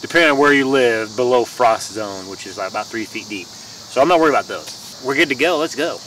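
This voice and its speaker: A man's voice: medium pitch, lively intonation, fairly quick. Rambling young man filming outdoors in his yard. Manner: rambling, folksy, repeats himself with restarts. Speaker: home lawn care vlogger. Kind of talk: casual how-to talk. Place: backyard lawn outdoors. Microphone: camera mic on a tripod some distance away. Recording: distant camera mic outdoors with faint insect noise.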